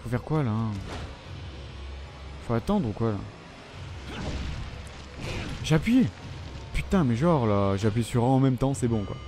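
A man's voice: medium pitch, a little slow, pauses often, over music. French man muttering over a game. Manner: talks to the game enemy, swears a lot, mutters to himself. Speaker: gaming video host. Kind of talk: let's play commentary.

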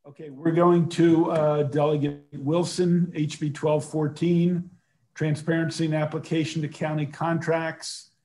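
A man's voice: on the high side, little pitch movement, measured pace, a little mellow. A man in his sixties chairing a formal meeting in a businesslike way over a video call. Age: 60s. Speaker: committee chair. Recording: noisy video call audio.

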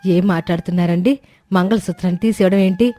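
Low mellow cartoon wife, played by a woman, earnest village mother. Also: steady tone, fast, soft background music, natural voice. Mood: alarmed. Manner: pleading and earnest. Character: devoted village wife and mother, later defiant.

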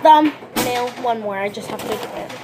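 A woman's voice: on the high side, normal speed, very noisy. A woman vlogging a casual eating show, rambling with lots of fillers and restarts.

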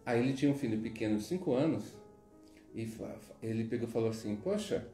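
Brazilian male teacher, casual and digressive, mellow tone, roomy echo with faint music. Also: mid-range voice, fast talker. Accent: Brazilian Portuguese. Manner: chatty, digressive, frequent tag questions. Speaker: spiritual teacher. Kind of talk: informal teaching with storytelling.

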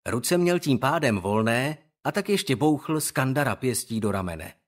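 A man reading an audiobook in calm, measured scripted narration. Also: medium pitch.

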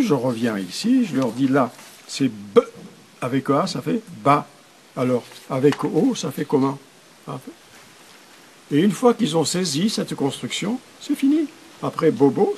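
A man's voice: on the high side, darkish tone, a little hiss or hum, rough recording. An older man, a priest, explaining his method for teaching adults to read, patiently sounding out syllables one by one.

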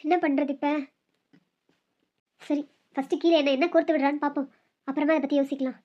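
A woman voicing a sharp-tongued older mother-in-law in a cartoon family drama, scolding and commanding. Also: sits high, fast talker, pitched below the performer's own voice, lightly acted. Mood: worried muttering. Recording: dull lo-fi audio.

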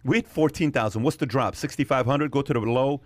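A man in his forties hosts a studio podcast, pressing each point by saying it again and again. His voice sits in a middle pitch. The sound is dry and close, with no room echo. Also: a little fast. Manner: emphatic, repeats phrases, talks with his hands. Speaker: podcast host. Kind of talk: animated casual discussion. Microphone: studio mic on boom arm, wearing headphones.

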